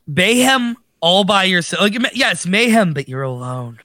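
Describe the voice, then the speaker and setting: Bright-voiced man in casual chat. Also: sits high, moderate pace, no echo. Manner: animated, rambling with restarts. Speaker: podcast co-host.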